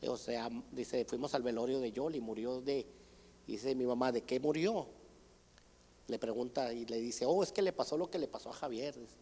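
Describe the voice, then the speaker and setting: A man's voice: mid-range voice, normal speed, dark tone, husky. Man testifying in a church hall. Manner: earnest, retells conversations with many "dice". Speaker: church brother giving testimony. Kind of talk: sermon testimony.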